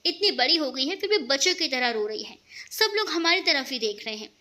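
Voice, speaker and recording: A woman's voice: high-pitched, lively intonation, a little fast, pushed and bright. An exasperated scolding older brother, as a woman puts him on. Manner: exasperated, complaining.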